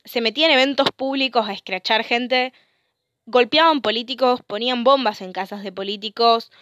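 A woman's voice: on the high side, moderate pace, noisy background. Fired-up Argentine young woman podcaster. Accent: Rioplatense Spanish. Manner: indignant, sweary and animated. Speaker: podcast host. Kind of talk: solo podcast rant.

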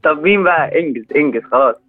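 Egyptian man from Alexandria on a tinny phone line, fast, slightly high, doubtful of the caller. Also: lively intonation, faint music behind. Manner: skeptical, laughs off the caller. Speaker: prank call target, folk singer. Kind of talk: phone conversation.

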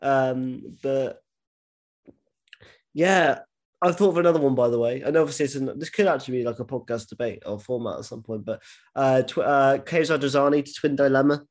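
A man's voice: medium pitch, moderate pace. A man hosting a casual podcast chat, talking animatedly with lots of swearing and false starts. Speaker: podcast host.

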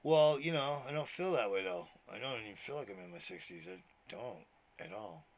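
A sixty-year-old minister rambles casually on his own podcast from home, chatty and meandering, cursing now and then and laughing often. His medium-pitched voice is sing-song and fairly quick, with vocal fry. He records on a laptop indoors while a TV plays in the background.

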